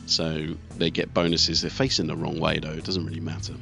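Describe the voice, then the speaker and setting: This let's play host speaks in a rumbling low voice with vocal fry, delivering his lines flatly and briskly. He thinks aloud about his tactics while casually commentating live on the game. Behind him play video game music, artillery fire and vehicles.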